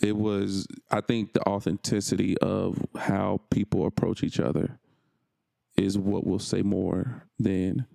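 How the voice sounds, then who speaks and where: A man's voice: low voice, monotone, unhurried, creaky, mellow, dry recording. A married man co-hosting a podcast, telling a story in laid-back casual chat, restarting and repeating phrases. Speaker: podcast co-host.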